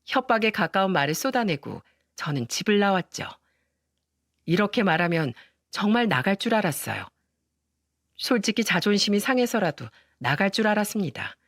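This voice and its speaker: A woman's voice: medium pitch, expressive, normal speed, no echo. Woman narrating a story, dry close sound. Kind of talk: first-person story narration.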